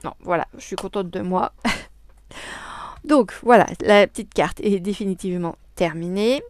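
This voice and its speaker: A woman's voice: mid-range voice, a little slow, a little mellow. A woman chatting casually in a crafting vlog at her home desk, cheerful and enthusiastic, with frequent hesitations and filler sounds. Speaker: crafting vlogger.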